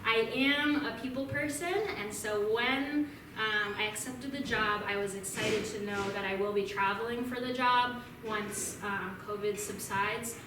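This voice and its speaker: Speaking unhurriedly with few pauses, a young woman from Vermont keeps her mid-range voice steady as a club meeting's guest speaker, answering questions in a bright, talkative manner peppered with ums. The recording is distant, echoey, and noisy.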